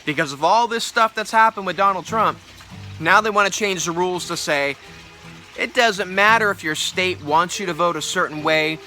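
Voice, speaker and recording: Bright, high-voiced man giving an opinionated monologue. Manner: explains with hypothetical examples and acted-out quotes, checks in with listener. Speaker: video creator. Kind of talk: opinionated casual vlog monologue.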